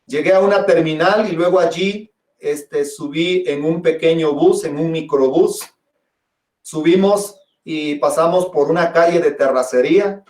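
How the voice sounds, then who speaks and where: A man's voice: fairly high pitch, measured pace, darkish tone. A pastor preaching a sermon, telling a personal testimony with dramatic storytelling and calling his listeners brothers and sisters. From Guatemala. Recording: echoey, from a distance.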